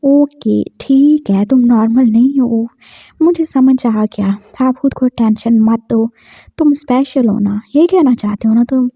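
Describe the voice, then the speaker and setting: A teasing yet protective young man , voiced by a woman, speaks in a light, playful tone. His voice sits high, recorded close and dry with slightly dulled highs. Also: a little slow, no room sound, lo-fi sound. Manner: teasing, then gently soothing.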